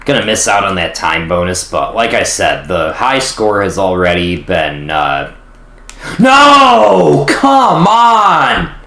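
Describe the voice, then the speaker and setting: A man's voice: deep voice, moderate pace, fairly bright tone, roomy sound. A young man casually commentating his gameplay on stream, rambling and self-deprecating. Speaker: gaming streamer.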